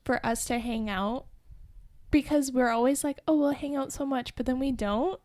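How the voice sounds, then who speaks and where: A young woman co-hosting a podcast, chatting casually with her sister, giggly, easily spooked and quick with her words. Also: high-pitched, darkish tone. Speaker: podcast co-host. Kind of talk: casual chat between sisters.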